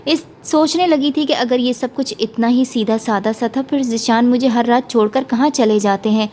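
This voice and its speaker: A woman storyteller reading an emotional first-person story in a steady, emotive way. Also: a little high, a little hiss or hum. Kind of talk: scripted story narration.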